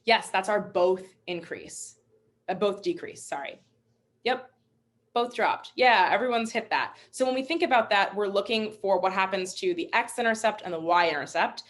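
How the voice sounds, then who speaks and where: A woman's voice: mid-range voice, moderate pace. A young woman instructor teaching a live online webinar, upbeat and encouraging, chatty with fillers. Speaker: MCAT instructor.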